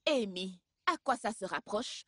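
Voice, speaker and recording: A woman's voice: medium pitch, expressive, a little slow, no echo, studio quality. An actress playing a boastful, teasing young woman in a dubbed film. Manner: teasing, show-off. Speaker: Amaka, young fiancée.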